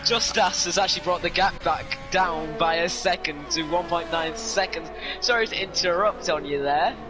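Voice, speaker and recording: Guy co-commentating, teasing and dry, bit high pitched, music loud behind. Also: normal speed. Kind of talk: live sim racing co-commentary.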